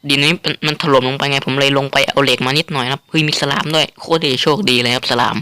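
A man's voice: medium pitch, fairly even intonation, fast, bright, forceful tone, clear, resonant tone, dry recording. A man hosting a gaming channel, chatting loosely through his game with lots of fillers, recorded on a phone. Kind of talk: casual game commentary. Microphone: playing on a mobile phone, no headphones.

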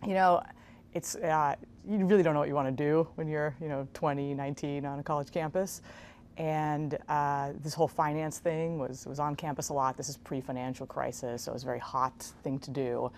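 Low, gravelly woman explaining steadily. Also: fairly even intonation, darkish tone, a little hiss or hum. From Israel. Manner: measured, explanatory, with casual fillers. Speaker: guest, investment executive. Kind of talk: TV interview. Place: large bright room with garden windows. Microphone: lapel mic.

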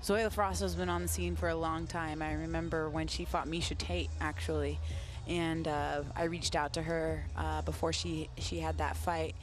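A woman's voice: deep voice, little pitch movement, normal speed, soft background music. A woman giving conversational color commentary on a live fight broadcast.

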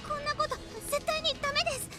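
A woman's voice: very high voice, little pitch movement, fast. A woman playing an earnest, polite young girl companion with a pleading manner, in a Japanese video game. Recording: loud game music underneath.

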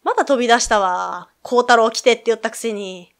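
A woman's voice: fairly high pitch, fairly quick, a bit bright. A woman voicing a frightened young woman in a game who pleads anxiously. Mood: desperate. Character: frightened young woman haunted by her past.

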